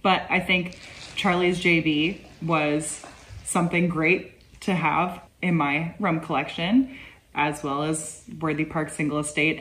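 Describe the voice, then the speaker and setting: A woman's voice: sits low, fairly bright tone, rough recording. A woman casually reviewing and tasting rums, chatty and full of "like" fillers. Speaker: rum reviewer. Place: indoor room at home.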